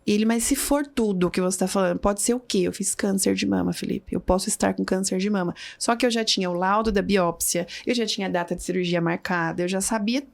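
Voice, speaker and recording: A woman in her thirties tells her story as a podcast guest, at a middle pitch. She brings it to life by acting out what each person said. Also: fast, creaky, hardly any pauses. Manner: vivid storyteller who acts out quoted dialogue.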